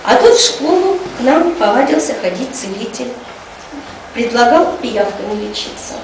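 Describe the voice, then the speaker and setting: In a high, sing-song voice at a moderate pace, a woman plays a chatty school cleaning lady spinning gossipy, folksy tales for children in colloquial speech. The room echoes, the mic is distant, and there's noise.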